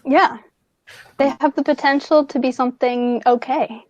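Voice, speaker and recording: A high-voiced woman trading teasing, deadpan jokes with the table. Her mic sounds dull and muffled, in a dry, dead room. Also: moderate pace, dry recording. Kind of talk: casual chat.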